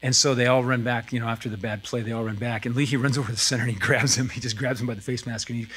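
A pastor preaching with easy chuckles. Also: male voice, medium pitch, fairly even intonation, very fast, fairly bright tone, a little hiss or hum. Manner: conversational, chuckling, frequent fillers and restarts. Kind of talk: sermon. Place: church sanctuary.

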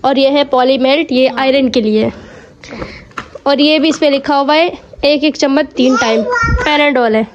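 A woman's voice: sits high, steady tone, measured pace, dull audio, noisy background. A young woman chatting casually to her viewers at home, explaining things step by step as a mother and vlogger. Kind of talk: casual home vlog chat.

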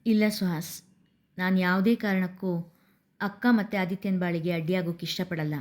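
A woman's voice: fairly low pitch, fairly even intonation, moderate pace, a little mellow, close to an everyday voice. A woman voicing a headstrong young college woman who insists and pleads in a story reading. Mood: firm. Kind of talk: storybook narration.

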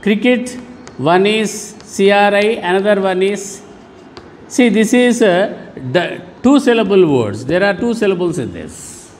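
A man's voice: high-pitched, lively intonation, measured pace, in a large hall, slight background noise. A man teaching an online lesson to schoolchildren, patiently repeating and rephrasing words. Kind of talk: online classroom lesson for children.

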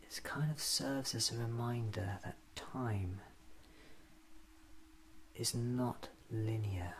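A man in his thirties playing a whimsical, eccentric time-traveling doctor musing aloud in soft-spoken, deliberate ASMR roleplay. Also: fairly low pitch, slight background noise. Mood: hushed, musing. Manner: deliberate, musing, often near whisper.

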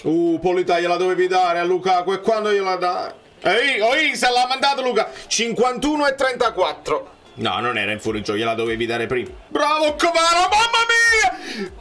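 A high-voiced young man reacts to a football match as it plays, his tone leaping wildly from low mutters to sudden shouts. Soft music runs faintly underneath. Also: animated, brisk.

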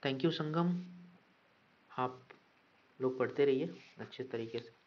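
A man's voice: medium pitch, takes it slowly, dull audio, a little hiss or hum. A man teaching an online exam-prep lecture, mixing Hindi and English and asking questions of his students. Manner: addresses students as sir, reads names from the live chat; mixes Hindi and English, asks questions of the class.

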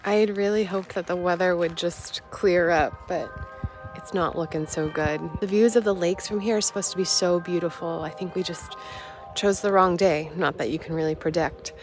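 A woman's voice: lowish voice, steady tone, moderate pace, faint music behind. A woman in her thirties talks casually to her phone. She sounds like a travel vlogger, with the mic at arm's length. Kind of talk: casual chat to camera.

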